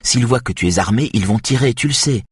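A man's voice: mid-range voice, expressive, brisk, slightly rough, no echo, studio quality, voice pushed up. A man voicing an adult woman police officer who talks in an urgent, commanding way.

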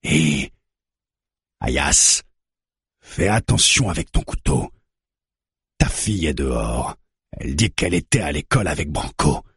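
A man voicing a calm, steady male police negotiator who reasons deliberately. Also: a bass voice, slightly rough, no room sound, studio quality, heavily acted.

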